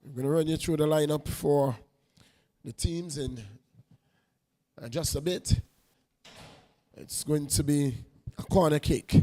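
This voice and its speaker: A man giving unhurried live play-by-play commentary on a women's football match, lifting his voice when play gets close to goal. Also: on the high side, warm tone, long reverb tail. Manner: unhurried play-by-play, rising on attacks.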